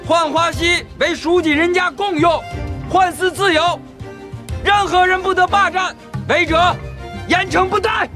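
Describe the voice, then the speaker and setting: An actor in a costume drama playing a stern male official crier, shouting a formal proclamation. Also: very high-pitched, fairly even intonation, unhurried, soft background music, full character voice. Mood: commanding.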